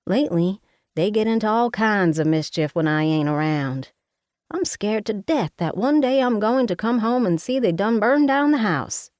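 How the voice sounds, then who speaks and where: Voicing a fussy, outspoken older mother, a woman scolds in a folksy manner, lightly acted and pitched above her natural voice. Her mid-range voice has lively intonation, normal speed and a slightly mellow quality, recorded clean in a studio with no room sound. The mood is fussing.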